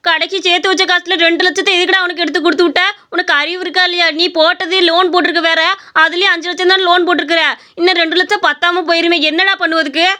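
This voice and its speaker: A fussing middle-aged mother, voiced by a woman in a cartoon story. She scolds in a high, bright voice and talks fast with exasperation. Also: little pitch movement. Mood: scolding. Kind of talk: animated story voice acting.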